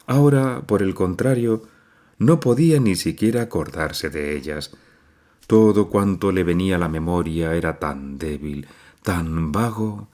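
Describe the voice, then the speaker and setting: A man narrating an audiobook with an expressive, dramatic reading. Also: low voice, unhurried.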